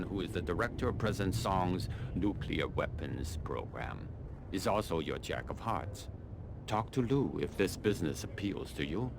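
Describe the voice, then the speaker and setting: A low male voice plays a cold, calculating, middle-aged Chinese army colonel giving mission briefings in video game dialogue, with noisy ambience behind. His delivery is formal, imperious, and measured, dryly condescending, with a brisk, commanding mood.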